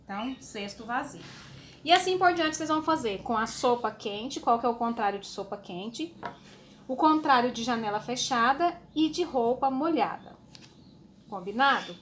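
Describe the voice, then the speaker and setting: A woman teacher explaining a homework sheet to young children, slowly and patiently, with fond little words. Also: on the high side, lively intonation, a bit bright, slight background noise. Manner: slow, patient, uses diminutives. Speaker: schoolteacher.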